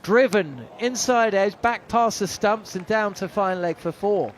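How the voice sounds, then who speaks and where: A man's voice: high voice, measured pace, slight background noise. A middle-aged man doing ball-by-ball cricket commentary from a commentary box, mixing play calls with rambling anecdotes and plenty of uh fillers. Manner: chatty, anecdotal, frequent uh fillers.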